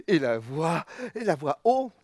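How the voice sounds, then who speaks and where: An actor playing a pompous philosophy teacher who lectures pedantically, over-articulating every vowel. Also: male voice, on the high side, sing-song, measured pace, darkish tone, dry recording, studio quality, exaggerated voice. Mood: pedantic.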